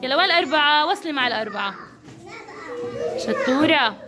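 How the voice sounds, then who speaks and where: High-pitched encouraging Levantine woman teacher. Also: very animated, fast talker, noisy background. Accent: Levantine Arabic. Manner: encouraging, coaxing, lots of praise. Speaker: kindergarten teacher. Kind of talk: classroom instruction to young children.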